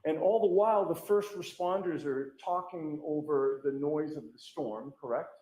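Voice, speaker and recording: A man's voice: on the high side, moderate pace, mellow. Man cross-examining in an echoey courtroom. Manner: pointed leading questions, repeatedly ending with "correct?". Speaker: defense attorney.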